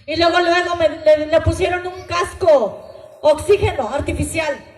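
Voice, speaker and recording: A woman's voice: very high-pitched, a little slow, a little mellow, roomy sound. A woman with a Mexican Spanish accent telling an emotional, earnest testimony to a church congregation. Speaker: testimony speaker at a church gathering. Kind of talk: spoken testimony.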